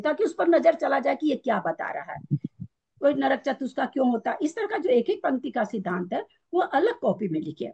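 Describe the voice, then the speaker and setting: This is a woman leading a scripture class, her voice a little husky and set fairly high. She talks in a loose, chatty way and restarts her sentences. She explains with simple household examples. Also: darkish tone. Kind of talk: casual teaching talk.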